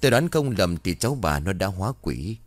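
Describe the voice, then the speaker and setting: Brief: gruff middle-aged exorcist, voiced by the narrator, low and blunt. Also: male voice, very animated, a little fast, no room sound. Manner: blunt, matter-of-fact. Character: gruff street exorcist man in his fifties.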